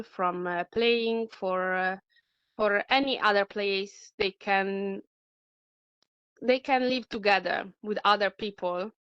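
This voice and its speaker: A middle-aged Italian woman gives a personal testimony at a talk in English, sharing her own experience slowly, halting often, searching for words, and using many fillers. Her mid-range, fairly bright voice sounds smooth and clear with no room sound, although the recording itself is dull and lo-fi.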